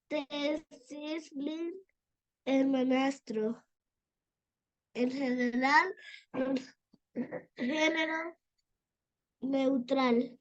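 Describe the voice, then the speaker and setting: A woman student reading vocabulary aloud haltingly, with many pauses and restarts. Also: high-pitched, highs cut off.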